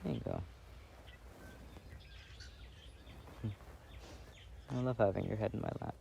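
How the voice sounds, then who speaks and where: A man gives a full character voice to a tender, insecure boyfriend in an ASMR roleplay, a plant lover reading on the grass outdoors. His soft, low, creaky voice is slow and halting yet swoops wildly in pitch, hesitant and affectionate. Faint birds, outdoor ambience and slight background noise sit behind him.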